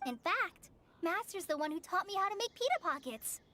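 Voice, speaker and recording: A woman's voice: very high voice, big pitch swings, fairly quick, noisy background. A woman voicing a shy, kind young female forest ranger in a video game who often hesitates and stammers. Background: game music.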